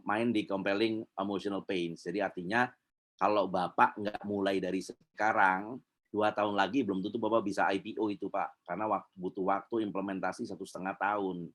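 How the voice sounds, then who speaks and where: A middle-aged man, teaching a sales seminar in a chatty lecturing manner with many fillers. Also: lowish voice. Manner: chatty, many fillers, acts out customer quotes. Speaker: sales trainer.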